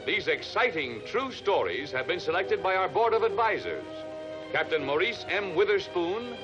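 A man's voice: high voice, very animated, normal speed, lo-fi sound, loud music behind the voice. A man opening an old radio broadcast as its announcer, speaking in a formal, emphatic way. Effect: old radio broadcast sound. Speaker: program announcer.

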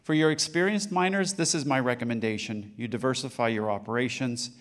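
A man's voice: mid-range voice, fairly quick, fairly bright tone. A man in his sixties giving a conference talk on stage into a handheld mic, with a loose delivery full of fillers and restarts. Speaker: conference speaker. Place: dark conference stage with a large room.

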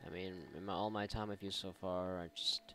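This let's play host speaks brisk, casual commentary laced with sarcasm and frequent profanity while gaming. His voice sits low with little pitch movement and a sharp tone, and there's a little hiss or hum.

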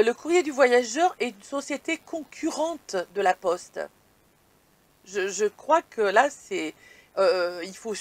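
A woman's voice: fairly high pitch, dry recording. A woman vlog host answering viewer questions in casual chat, speaking bluntly and addressing viewers informally.

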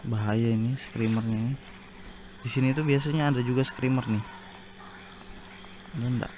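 A man's voice: medium pitch, steady tone, normal speed, a little mellow, slight background noise. A man giving casual commentary while he plays a zombie survival game, chatting to viewers and exclaiming at jump scares. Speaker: gaming YouTuber.

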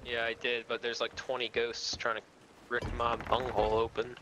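A man's voice: medium pitch, monotone, normal speed. A man in a casual gaming chat who talks in a playful, teasing way. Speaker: gaming friend. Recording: voice chat with game noise.

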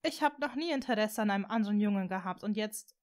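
A woman's voice: lively intonation, quick pace, natural voice. A woman reading a fan story aloud, voicing a shaken, confused teenage boy wizard in a raised, agitated voice. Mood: unsettled. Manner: agitated, pitched up.

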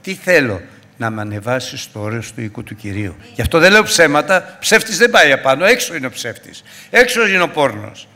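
A man preaching a Sunday sermon, fervent, swinging between loud exhortation and hushed asides. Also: mid-range voice, big pitch swings, long reverb tail.

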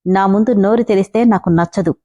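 Woman narrator playing a cold arrogant young husband; curt and defiant, mellow tone. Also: mid-range voice, fairly quick, dull audio, pitched below the performer's own voice, natural voice. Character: cold, stubborn proud young man.

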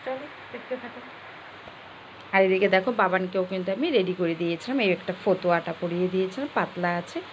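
A woman's voice: on the low side, quick pace, muffled recording. A young woman from Bengal chatting to viewers in a casual home vlog, explaining her chores. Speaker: vlogger. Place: small home. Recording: noisy home recording.

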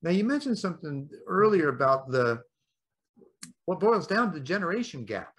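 A man's voice: fairly high pitch, very animated, normal speed, a bit bright. A middle-aged man hosting a podcast, asking long, looping questions in an easygoing way over a video call. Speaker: podcast host and coach. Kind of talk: casual interview chat.

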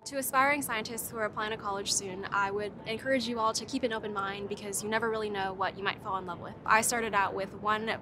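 A woman's voice: mid-range voice, fairly even intonation, fast, hardly any pauses, background noise. A young woman who is a graduate student gives an eager interview testimonial outdoors. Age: young adult. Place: outdoors among greenery.

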